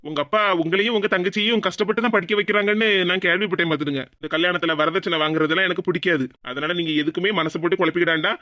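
A woman voicing a proud young office-working groom with a Kanyakumari Tamil accent in an animated cartoon. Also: fairly low pitch, no echo, muffled recording. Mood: polite. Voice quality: quick, indignant.

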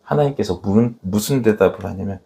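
A man's voice: on the low side, a little fast, vocal fry, mellow. A man preaching a sermon in a church, acting out the scripture scenes dramatically as he tells them. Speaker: pastor.

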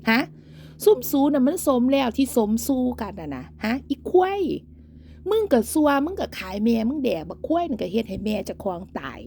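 A woman's voice: on the high side, big pitch swings, normal speed, gravelly, mellow, slight background noise. A woman with an Isan accent ranting in a livestream, mocking and cursing heavily. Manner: breaks into cackling laughs. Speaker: online commentator.

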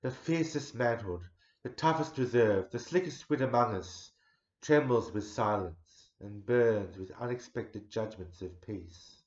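Slow, deep-voiced man reciting poetry. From Australia. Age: 40s. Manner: measured, swelling to loud and sinking to near hush. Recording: roomy echo, dull lo-fi sound.

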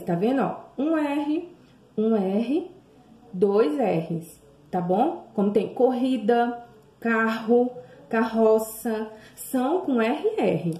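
Brazilian woman teaching small kids, slow and sing-song. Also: fairly high pitch, warm tone. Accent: Brazilian Portuguese. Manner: slow, sing-song teacher talk with many tag questions. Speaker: primary school teacher. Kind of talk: remote lesson for young children. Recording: echoey room.

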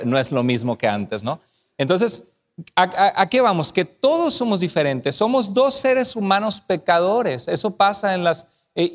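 High-voiced man preaching to couples. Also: long reverb tail. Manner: lively storytelling, acting out quoted arguments; quotes scripture in a preaching tone. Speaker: pastor speaking at a couples conference. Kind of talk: conference talk to couples. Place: church conference stage.

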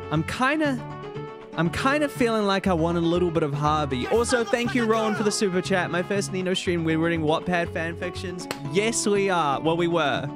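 A male streamer reading fan fiction aloud, breaking off into sweary, exclamatory asides to his chat. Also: high-pitched.

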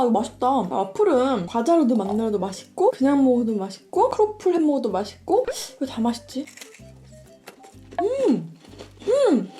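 A woman hosting a casual snack-tasting chat for viewers, exclamatory, with playful sound words and drawn-out reactions. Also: high voice, darkish tone. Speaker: mukbang host.

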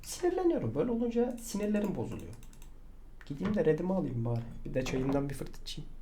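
A man giving live gameplay commentary, excitable, swearing and shouting at teammates. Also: fairly high pitch, fast, noisy background. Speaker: gaming channel host.

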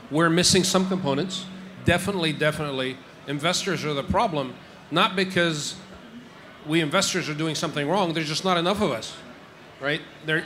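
A man's voice: a little high, a bit bright, slight background noise. A man speaking as an investor on a panel, emphatic, repeating his points and checking in with the audience. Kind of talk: panel discussion. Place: stage in a large tent with an audience. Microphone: handheld mic.

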